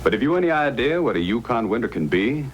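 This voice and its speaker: Man as commanding Sergeant Preston, animated Mountie. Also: mid-range voice, fast talker, close to an everyday voice. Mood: concerned, helpful. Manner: commanding, questioning, firm. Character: authoritative, helpful male Mountie sergeant of the Yukon. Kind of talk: old-time radio acting. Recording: noisy old radio drama recording.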